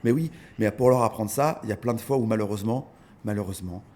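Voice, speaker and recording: A man speaking casually in an interview, an animated storyteller who acts out scenes and often repeats words as he starts a thought. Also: on the low side, fast. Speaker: dog content creator, guest.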